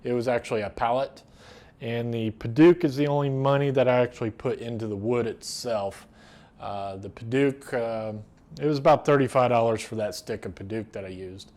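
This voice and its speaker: Here a woodworking video host, a middle-aged man with an American accent, talks through a do-it-yourself build in an unscripted, plainspoken manner. His medium-pitched voice is darkish and moves at a moderate pace.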